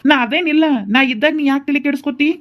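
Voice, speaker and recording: A woman's voice: high-pitched, steady tone, fast talker, fairly bright tone. Cartoon role: patient young husband, voiced by a woman, North Karnataka accent, reassuring and chatty. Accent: North Karnataka Kannada. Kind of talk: cartoon voice acting.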